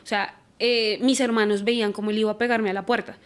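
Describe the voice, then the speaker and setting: A woman's voice: mid-range voice, brisk. A young woman from Colombia, giving a church podcast testimony and acting out the dialogue she recalls. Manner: animated, acts out quoted dialogue. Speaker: guest.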